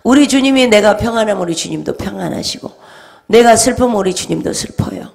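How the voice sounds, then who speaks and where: A woman's voice: mid-range voice, expressive, brisk, creaky, a little mellow. A woman pastor giving a fervent, emotional sermon testimony and retelling it with lots of repetition.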